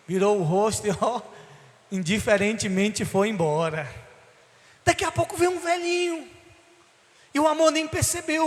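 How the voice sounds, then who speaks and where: A male bishop preaching an impassioned sermon, swinging between loud and soft. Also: extremely high pitch. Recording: long church hall reverb.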